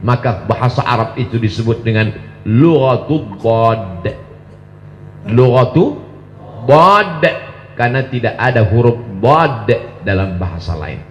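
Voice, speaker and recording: A man preaching a humorous sermon to students, joking playfully and chanting verses in long drawn-out recitation. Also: mid-range voice, expressive, lo-fi sound, slight background noise. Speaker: Islamic preacher. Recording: echoey hall with long reverb.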